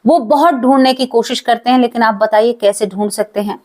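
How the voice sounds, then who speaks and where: A woman's voice: a little high, fairly quick. A woman narrating a dramatic supernatural story with emotion, often addressing her listeners as friends.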